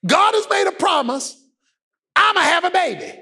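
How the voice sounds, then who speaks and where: A man preaching a sermon with an impassioned, sing-song shouted cadence. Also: very high-pitched, expressive, moderate pace.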